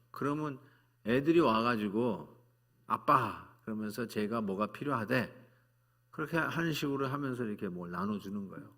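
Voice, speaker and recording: A male pastor preaching at a midweek prayer service, telling stories in a conversational way and moving between hushed, soft passages and loud, fervent prayer. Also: mid-range voice.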